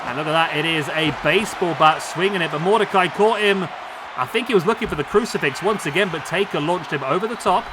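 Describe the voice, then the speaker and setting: Talking fast over crowd noise, this hoarse male YouTuber narrates a simulated wrestling match play by play with excited exclamations. His voice is slightly high and he's clearly losing it. The recording is noisy, with background noise plainly under his voice.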